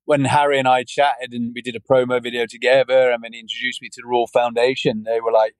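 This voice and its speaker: A man in his forties from the UK, guesting on a podcast, talks fast in a level, medium-pitched voice. His casual interview chat rambles, full of restarts and repeated "yeah" and "you know." The recording is rough, with no echo.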